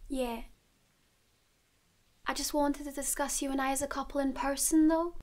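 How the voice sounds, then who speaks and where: A young woman with a northern English accent, played by an actress, speaks in a high voice. She talks haltingly and keeps repeating herself as she tries to end a relationship. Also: fairly even intonation, a little mellow, natural voice. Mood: awkward. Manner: hesitant, repetitive. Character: young woman breaking up with her boyfriend.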